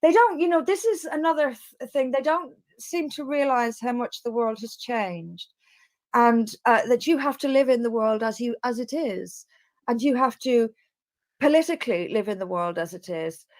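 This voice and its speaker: Brief: woman, slightly high voice, measured and hesitant, played clip. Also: animated. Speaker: interviewee in a reacted-to video. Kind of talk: political discussion.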